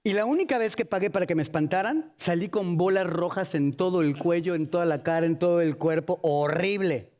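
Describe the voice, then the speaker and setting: A man with a Mexican accent preaching a sermon in an animated, colloquial, joking manner. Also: high voice, brisk, few pauses.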